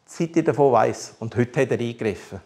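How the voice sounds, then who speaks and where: A man with a Swiss German accent voicing his patient, loving mother within a sermon, speaking quietly and calmly. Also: mid-range voice, brisk, voice pushed down, natural voice. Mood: gentle. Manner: quiet and calm. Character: loving, patient mother, middle-aged woman.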